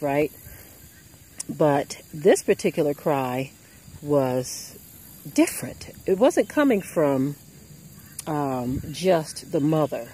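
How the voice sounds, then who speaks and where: A woman with a low, dark, mellow voice narrates a casual vlog on a farm. She talks slowly and gently, warming into a coo now and then. A faint outdoor hiss sits under her. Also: low-quality recording. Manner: slow, gentle storytelling, cooing to animals. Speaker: channel host. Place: outdoors on a rural farm by animal pens.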